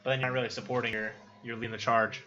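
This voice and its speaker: A man acting as game master, explaining moves in a relaxed way full of fillers. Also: medium pitch, very fast. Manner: casual, filler-heavy explaining. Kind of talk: running a tabletop war game. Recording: muffled audio under loud music.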